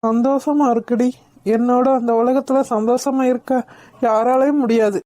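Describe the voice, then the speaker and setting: A woman doing a mellow tender young husband. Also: fairly high pitch, steady tone, moderate pace, no echo, lightly acted. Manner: soft, heartfelt, gently teasing. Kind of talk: cartoon voice acting.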